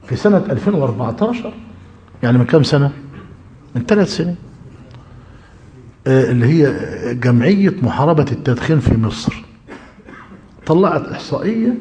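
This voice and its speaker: A man's voice: medium pitch, dark tone, in a large hall, lo-fi sound, slight background noise. A man with an Egyptian accent teaching a religious lesson, switching between formal classical phrasing and colloquial talk and checking in with his listeners. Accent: Egyptian Arabic.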